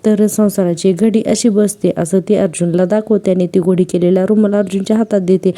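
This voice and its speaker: A woman's voice: mid-range voice, steady tone, brisk, dark tone. A woman casually retelling a TV serial episode and talking straight to her viewers. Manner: chatty, addresses viewers directly. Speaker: TV serial recap YouTuber. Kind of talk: casual episode recap narration.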